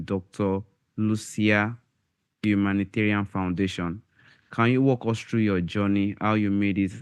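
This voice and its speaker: A man hosts a podcast interview, politely asking his guest long, rambling questions. His voice is on the low side and sounds smooth and resonant. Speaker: podcast host.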